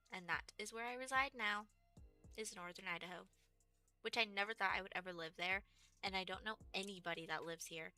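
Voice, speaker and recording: A young Texas woman in her twenties rambles casually on a livestream, her speech full of "like" and "um." Her voice is medium-pitched with a sharp, clean tone, and there's no room sound.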